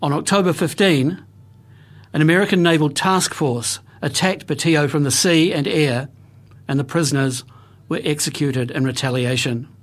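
A man, narrating a scripted history report for radio in a grave, even-paced manner. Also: on the high side, moderate pace.

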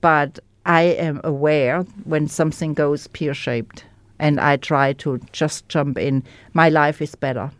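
Low-pitched and fairly even in intonation, a woman with a German accent, German being her native language, gives personal testimony as an interview guest. She speaks candidly about her recovery, pausing as she searches for words, with no room sound.

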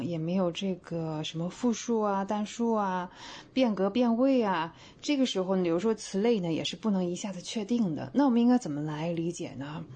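Woman, language teacher, radio lesson, husky voice, lively pitch, slow careful example sentences, frequent tag questions. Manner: slow, deliberate reading of example sentences with stressed words; patient, explanatory, with many tag questions. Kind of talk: radio lesson on Chinese grammar.

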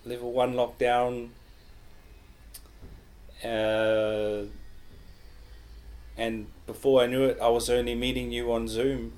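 Kiwi guy, mid-pitched, easygoing interview chat, feels his way through explanations. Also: little pitch movement, slow, pauses often, a little mellow. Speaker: guest, public health worker. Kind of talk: casual interview conversation.

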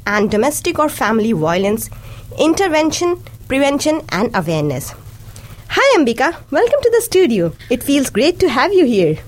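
A young woman from India hosts a community radio show in a bright, friendly way. Her voice sits a little high and swings widely in pitch. She speaks English as a second language after Hindi and Urdu. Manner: friendly, lively and welcoming. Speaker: radio host. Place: radio studio.

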